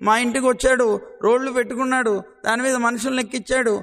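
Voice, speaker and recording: A man's voice: very high-pitched, steady tone, fast, fairly bright tone. A man voicing an exasperated village woman who pleads and complains about a naughty boy, inside his devotional storytelling. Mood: complaining. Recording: long hall reverb.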